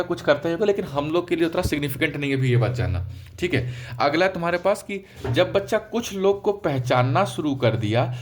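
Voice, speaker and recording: A man's voice: on the high side, a little hiss or hum. A young man giving a casual lesson, talking straight to his students and checking in often with "okay". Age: young adult. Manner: conversational, repeats "ठीक है" often, addresses students directly. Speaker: medical lecturer. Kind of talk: explaining lesson, casual teaching.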